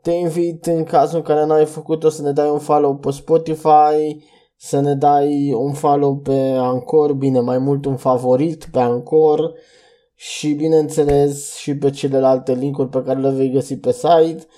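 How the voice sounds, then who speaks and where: Podcast host: young man, mellow darker tone, slightly higher pitch, casual rambling delivery. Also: flat delivery. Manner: chatty, loose and rambling, with restarts and fillers. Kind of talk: casual solo podcast review.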